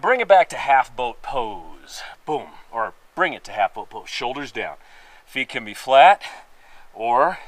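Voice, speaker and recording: In a dry recording, a man with a medium-pitched, a little nasal voice instructs a workout while exercising on a wooden deck outdoors among pine trees. The fitness instructor is energetic, counting reps and slipping in jokes.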